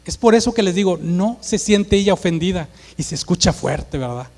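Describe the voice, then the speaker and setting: A man's voice: high-pitched, lively intonation, normal speed, a little mellow. A male pastor with a northern Mexican Monterrey accent, preaching emphatically and acting out dialogue with force. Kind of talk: sermon. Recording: long hall reverb.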